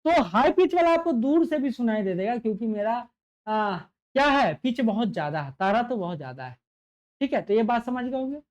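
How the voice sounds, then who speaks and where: A man's voice: extremely high pitch, very animated, moderate pace. A man teaching an exam-prep lecture, repeating key points and checking understanding with rhetorical questions. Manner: gets louder and softer to demonstrate sound.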